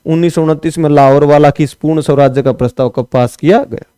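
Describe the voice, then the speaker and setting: A man's voice: fairly high pitch, steady tone, brisk, mellow, smooth, no room sound, clean studio sound. A man teaching an exam-prep lesson, firing off quiz questions and answering them himself, repeating each answer with a tag question. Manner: casual, scolds sloppy notes.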